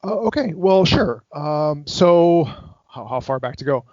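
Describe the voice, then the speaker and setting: A scholar in his fifties from Hawaii, a guest in an academic interview held over a call, gives a long account of his background, hesitant and full of fillers and restarts. His voice is on the high side, expressive, unhurried, and a little mellow, with no room sound and the highs cut off.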